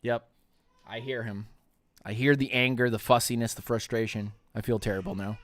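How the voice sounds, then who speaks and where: A young man hosting a live stream, giving excitable play-by-play commentary as he watches a football game. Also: mid-range voice, normal speed. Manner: excitable play-by-play, rising loud on big plays.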